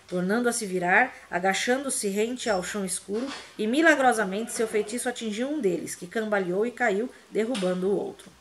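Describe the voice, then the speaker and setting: Female audiobook narrator; expressive, vivid storytelling. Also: medium pitch. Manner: dramatic, vivid reading. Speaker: audiobook reader.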